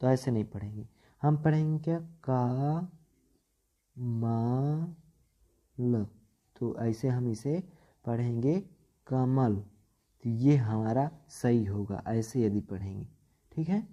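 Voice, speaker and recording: A man's voice: mid-range voice, dark tone. A man teaching a grammar lesson, spelling words out syllable by syllable and checking in with "okay" after almost every point. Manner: slow, repeats syllables and checks "ठीक" often. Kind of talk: Hindi grammar lesson at a board. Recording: dull lo-fi sound.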